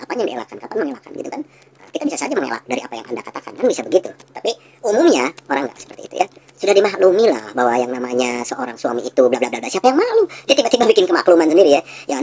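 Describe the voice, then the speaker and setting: A woman instructor giving a recorded lesson, explaining quickly and acting out short sales dialogues in a raised voice. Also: a little mellow, breathy edge, poor audio. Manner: fast explanatory talk, acts out sales dialogue in high voice. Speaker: NLP instructor.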